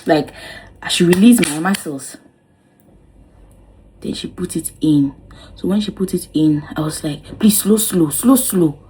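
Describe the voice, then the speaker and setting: A woman's voice: low-pitched, unhurried, long pauses, warm tone, a little hiss or hum, low-quality recording. A young woman telling her own story to camera, dramatic and exclaiming, acting out what each person said. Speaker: vlogger.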